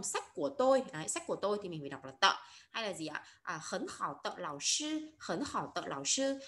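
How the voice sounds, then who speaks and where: Lively Northern Vietnamese woman teacher. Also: on the low side, slight background noise. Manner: lively, asks rhetorical questions, repeats example phrases slowly. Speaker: Chinese language teacher. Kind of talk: grammar lesson to camera.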